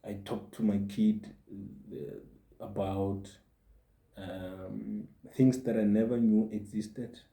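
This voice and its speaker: Very dark-voiced man preaching to parents. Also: lowish voice, level tone, slow, creaky. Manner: earnest, repeats points for emphasis. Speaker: podcast host. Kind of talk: motivational monologue. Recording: roomy echo.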